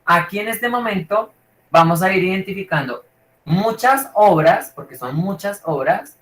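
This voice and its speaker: A man's voice: sits high, animated, measured pace, a bit bright. A man from Colombia with a Bogotá accent, teaching a literature class over a video call in an informal, rambling way, checking in with his students constantly. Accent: Bogotá Colombian Spanish. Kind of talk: live online class lecture. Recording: echoey room.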